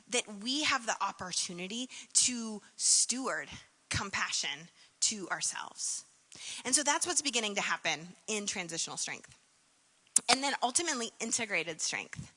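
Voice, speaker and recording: A woman's voice: a little high, bright, forceful tone, in a large hall. A woman giving a conference keynote in a conversational, reflective way, full of "like" and "um" fillers. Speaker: keynote speaker.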